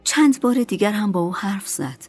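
A woman narrating an audiobook in a soft voice that often drops to a whisper. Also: mid-range voice, very animated, slightly rough, soft background music. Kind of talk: scripted narration.

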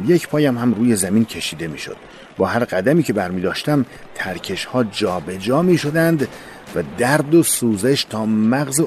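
A man reading a first-person memoir in a solemn, measured voice that often sinks low and soft. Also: slight background noise. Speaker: narrator of a war memoir. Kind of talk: scripted first-person narration.

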